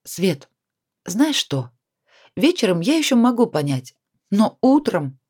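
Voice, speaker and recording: A woman's voice: medium pitch, sing-song, takes it slowly, darkish tone, husky, voice pushed up, exaggerated voice. A woman reading a storybook voices an adult woman who scolds and then coaxes her friend. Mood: scolding.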